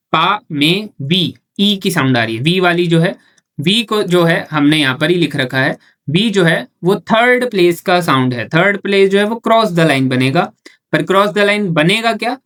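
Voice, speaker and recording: A man's voice: on the high side, a bit bright. A man teaching a shorthand lesson step by step, asking himself questions and answering them, and repeating each point patiently. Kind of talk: step-by-step classroom explanation.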